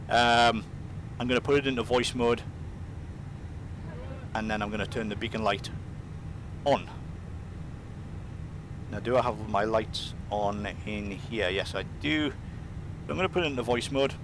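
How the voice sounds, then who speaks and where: A man giving a casual, explanatory software demonstration as its presenter. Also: moderate pace, pauses often. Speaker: presenter of a flight simulator demonstration. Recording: rumbling engine noise behind. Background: simulator aircraft rumble.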